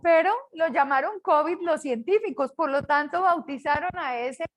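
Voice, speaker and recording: An older woman from Colombia with a Colombian accent, teaching a class with a lively, joking manner. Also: high voice, moderate pace, low-quality recording. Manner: lively, jokes with students. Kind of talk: online class lecture.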